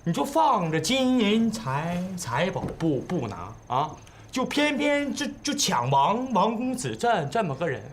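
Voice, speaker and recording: A man's voice: high-pitched, big pitch swings, measured pace, slight background noise. An actor playing a timid male servant who stammers constantly, repeating syllables, in a costume comedy TV drama. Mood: flustered.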